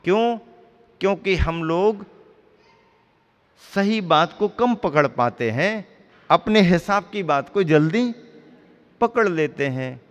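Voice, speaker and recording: A man giving a sermon as a Jain monk, teaching slowly and deliberately with playful wordplay. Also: sits high, lively intonation, muffled recording. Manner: slow, deliberate teaching with wordplay, stretching words apart for emphasis. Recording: long hall reverb.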